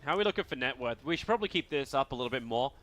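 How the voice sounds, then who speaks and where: A man doing live esports play-by-play commentary, excitable and rising to shouts at big plays. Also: medium pitch, racing, slight background noise.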